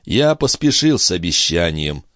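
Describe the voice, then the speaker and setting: A man reading an older male doctor in an audiobook, measured and gently lecturing. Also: deep voice, big pitch swings, dry recording, studio quality. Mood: solemn.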